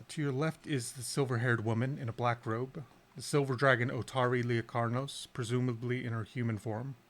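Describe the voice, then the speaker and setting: Man narrating as game master. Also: medium pitch. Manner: descriptive, with frequent filler words.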